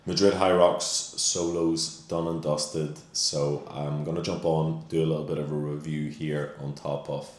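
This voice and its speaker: A man's voice: a bass voice, little pitch movement, measured pace, few pauses. An Irish man talking casually to his vlog audience. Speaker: vlogger and endurance racer.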